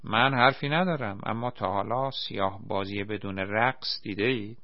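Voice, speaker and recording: A man voicing a bossy, frowning young amateur play director who speaks gruffly. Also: fairly low pitch, no room sound, lo-fi sound, lightly acted. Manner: commanding, gruff.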